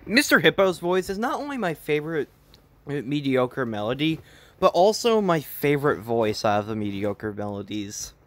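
A man's voice: on the high side, big pitch swings, moderate pace. A young man giving casual, opinionated commentary, often stumbling and restarting his sentences. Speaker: video commentator.

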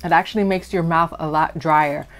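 A woman's voice: sits low, fairly even intonation, moderate pace, soft background music. A woman talking while chewing as she reviews a snack in a casual, chatty vlog. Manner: chatty, rambling with fillers. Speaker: vlogger taste-testing foods.

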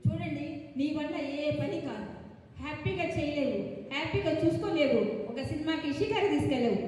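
A woman's voice: high voice, lively intonation, brisk, darkish tone, a little hiss or hum. A woman playing a nagging wife who scolds her husband in a comic stage drama rehearsal. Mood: scolding. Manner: scolding, complaining, theatrical. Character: nagging young wife, later pleading Savitri. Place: rehearsal hall. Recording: echoey hall, room reverb.

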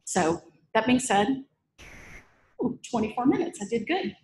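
Her voice a little high and her pace measured, a conference speaker delivers a chatty, funny presentation to a meetup audience, poking fun at herself before a Q&A. It was recorded in an echoey room.

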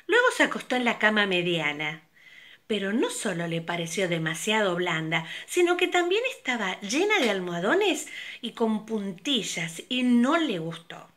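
An older woman telling a children's fairy tale slowly and very expressively, her pitch leaping around. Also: big pitch swings, fairly bright tone. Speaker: storyteller. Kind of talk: storytelling for children.

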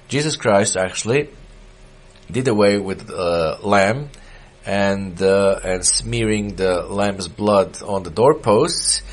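In a small church with a wooden wall, a middle-aged preacher whose native tongue is Serbian reads scripture and explains the quotes in a sermon. His voice is on the low side, and his delivery is measured yet hesitant, full of pauses and fillers.

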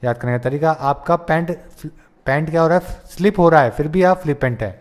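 Hindi-speaking man teaching English vocabulary. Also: a little high. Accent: Indian English. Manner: mixes Hindi explanation with slowly read English definitions. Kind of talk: exam-prep vocabulary lesson.

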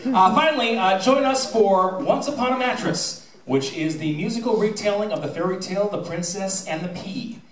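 This middle-aged man, a high school theatre director, delivers an informal speech with anecdotes and thank-yous, his voice sitting high and moving at a moderate pace with hardly any pauses. He projects animatedly into a handheld PA microphone, recorded from afar by an audience camera in a roomy hall.

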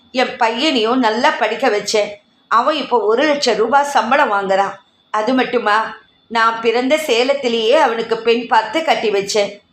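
Calm wise old granny telling her life plainly, slow and a bit high, woman doing it, echoey room. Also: close to an everyday voice. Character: older grandmother, calm and wise, cheerful.

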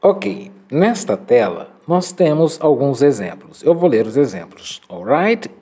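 A male English teacher whose first language is Portuguese, walking students through phrases in a recorded lesson. He speaks slowly, with a mellow tone and a pitch that rises and falls a lot as he models each phrase for students to repeat. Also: big pitch swings, breathy edge. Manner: slow, drawn-out modeling of English phrases for repetition.

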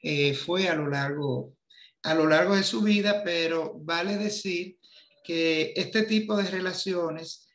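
A man in his fifties moderating a film forum on a video call, speaking slowly and hesitantly as he searches for words. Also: fairly high pitch, a bit bright. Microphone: video call webcam.

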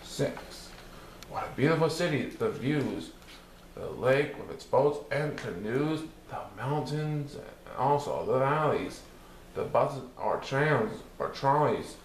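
A man with a mid-range voice reads a children's picture book in verse, slowly and expressively, in a theatrical, rhythmic sing-song. The recording has a roomy echo and some background noise.

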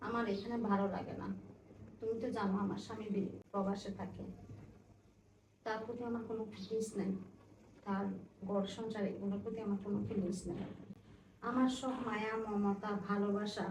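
An actress playing a lonely young wife, pleading softly. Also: female voice, medium pitch, flat delivery, fairly quick, pauses often, lightly acted. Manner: pleading, soft and intimate. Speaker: unfaithful wife. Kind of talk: melodramatic short-film acting. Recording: echoey room, distant mic, noise.

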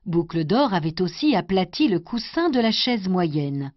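A woman storyteller doing an expressive scripted storybook narration. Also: on the low side, measured pace, no echo. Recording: dry, dull lo-fi recording.

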